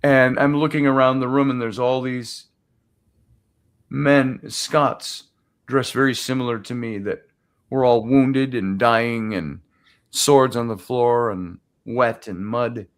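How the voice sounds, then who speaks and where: A man from the United States co-hosts a casual podcast chat. He tells stories in an unhurried, easygoing way, filling the gaps with ums and uhs. His voice has an ordinary middle pitch for a man. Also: smooth. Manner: relaxed storytelling with fillers. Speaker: co-host.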